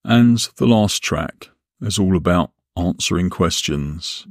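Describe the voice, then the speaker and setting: A low-pitched man leads a guided visualisation. He speaks in a measured, instructional manner, leaving deliberate pauses between phrases. The sound is dry, with very little room in it. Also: animated, no room sound. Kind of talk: guided relaxation and visualisation narration.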